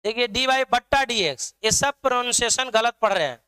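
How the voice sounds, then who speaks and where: A man's voice: very high-pitched, expressive, fairly quick, pushed and bright, smooth. A man teaching an online math lesson, drilling his students with repeated questions.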